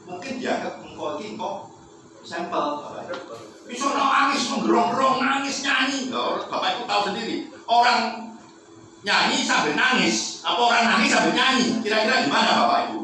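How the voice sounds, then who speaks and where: A male preacher tells an animated story to his congregation and keeps putting questions to them. His voice is very high and bright. The sound booms around a large church hall, picked up from some distance off the mic. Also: normal speed, slight background noise. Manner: animated, addresses the congregation often. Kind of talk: storytelling sermon.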